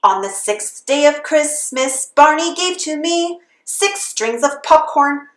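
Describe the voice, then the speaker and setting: A woman storybook reader with a high voice reads a children's story aloud in the style of a Christmas carol. She goes slowly and steadily with lively intonation, and the room gives her voice a clear echo.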